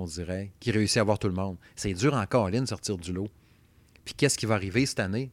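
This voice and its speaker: Hosting a casual video game podcast, a man with a Québécois French accent rambles chattily, his speech full of fillers. His voice is fairly low, and the recording has no room sound.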